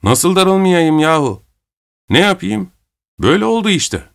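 A man voicing a coarse, mocking, hot-tempered male peasant in a storybook reading, speaking raised and rough. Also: medium pitch, very animated, a little fast, pitched above the performer's own voice, lightly acted. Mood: angry. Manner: mocking, then shouting angrily.

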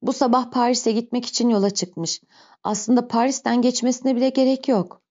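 A sick young mother from a storybook pleads for her child in urgent outbursts, voiced by a woman reading aloud. The tone is dark and mellow. The recording sounds dull and lo-fi. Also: a little high, fairly even intonation, moderate pace, natural voice. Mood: elated.

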